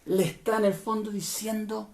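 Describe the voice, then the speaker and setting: A male pastor delivers a sermon that shifts between emphatic bursts and hushed asides, often addressing questions directly to listeners. His voice sits high with a level tone, a moderate pace, and vocal fry.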